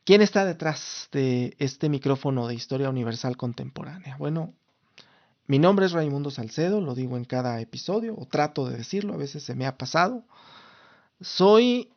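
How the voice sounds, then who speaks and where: Muffled recording, darkish tone: a medium-pitched male voice, expressive and at a moderate pace. He's a Mexico City podcast host in his thirties with a Mexican Spanish accent, delivering casual solo talk in a formal, lawyerly style marked by frequent restarts.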